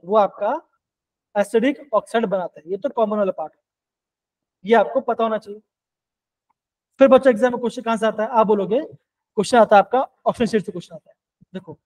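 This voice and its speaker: A man with a high, light voice, teaching chemistry live online. He keeps circling back to his questions and coaxing his students to answer. His talk is steady and encouraging. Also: low-quality recording.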